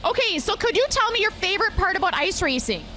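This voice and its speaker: A woman's voice: very high-pitched, big pitch swings, quick pace, pushed and bright. An American woman with a bubbly, informal manner, doing a casual interview as a reporter outdoors, breathing in cold air. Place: outdoors in the cold at a frozen lake. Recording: outdoor generator hum and noise. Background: generator running.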